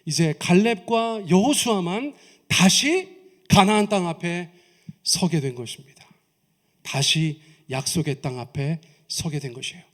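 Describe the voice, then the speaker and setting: High-voiced male pastor preaching. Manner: leads congregation in reading aloud, asks them questions; swings between raised emphasis and soft low asides. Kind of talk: sermon.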